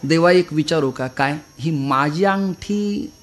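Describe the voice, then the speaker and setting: Man playing a warrior prince, hot-headed, blustering, loud and high. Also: takes it slowly, a little hiss or hum. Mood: flustered. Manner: blustering, roaring when angry.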